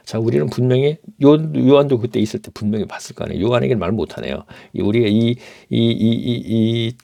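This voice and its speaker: A man's voice: lowish voice, vocal fry, mellow, slightly rough, no room sound. A middle-aged man reading scripture aloud and explaining it in plain, conversational asides, as a Bible teacher.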